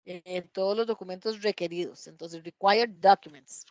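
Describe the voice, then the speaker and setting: Woman, English teacher, dry sound, slow careful examples. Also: medium pitch, fairly even intonation, darkish tone, dry recording, dull audio. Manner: reads English examples aloud slowly, checks with "¿verdad?". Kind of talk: classroom grammar explanation. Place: classroom.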